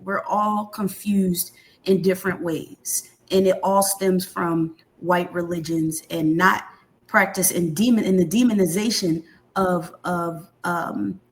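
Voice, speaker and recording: An assertive woman speaking on a discussion panel. Her voice sits in a middle pitch, and she speaks emphatically and with conviction.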